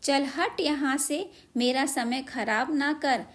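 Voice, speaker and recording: A woman doing a short-tempered tailor from a storybook. He snaps and refuses, and the voice rides higher than her own. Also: slow pace. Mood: irritable. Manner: irritable, snapping.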